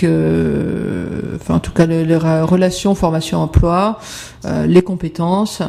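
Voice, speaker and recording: A conference presenter walking through slides, speaking haltingly with many filler sounds. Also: medium pitch, gravelly, warm tone.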